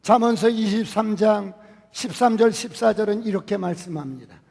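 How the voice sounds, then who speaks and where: A male pastor preaching a sermon, asking many rhetorical questions and swinging between quiet and loud. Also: sits high, moderate pace, vocal fry. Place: church sanctuary. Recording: long church hall reverb.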